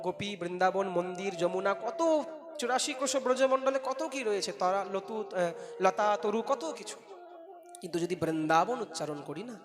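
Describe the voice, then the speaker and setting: A man from West Bengal giving a devotional storytelling sermon, chanting Sanskrit verses slowly and urging the crowd to call out. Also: sits high. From West Bengal, India. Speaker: Bhagavat storyteller. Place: large hall, live gathering. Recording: echoey hall with music behind.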